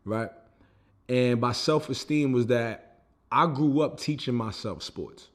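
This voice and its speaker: A young vlogger from the United States takes it slowly as he talks to camera about things that went wrong for him. His mid-range voice wanders casually, with restarts and fillers like "you know what I mean."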